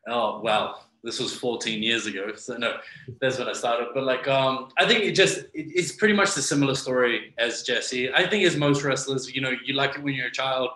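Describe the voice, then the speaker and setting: Bright-voiced New Zealand man in a roomy space. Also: medium pitch, normal speed. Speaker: interview guest, professional wrestler. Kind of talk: casual interview chat.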